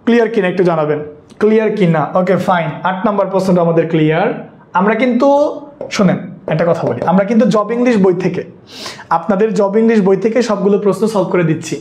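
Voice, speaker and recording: A man's voice: high voice, fast, a little mellow, roomy sound. A man teaching an English grammar lesson for an exam course, keeping a check on whether his students follow and repeating his points. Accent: Bangladeshi Bengali. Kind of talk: online exam-prep lesson.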